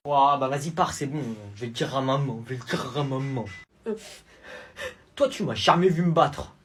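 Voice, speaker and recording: A man's voice: mid-range voice, normal speed, a little hiss or hum, voice pushed down, natural voice, poor audio. A man playing a cocky teenage guy who mocks and brags about fighting, in a comedy sketch. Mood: mocking. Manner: mocking, boastful, deadpan. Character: cocky teen boy bragging about fighting.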